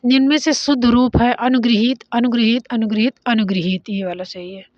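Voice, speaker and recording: Brisk woman teacher with a dull, dry sound. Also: on the high side, steady tone, no room sound. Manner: reads options, then corrects each word briskly; speeds up when announcing question numbers. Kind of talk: exam revision lesson.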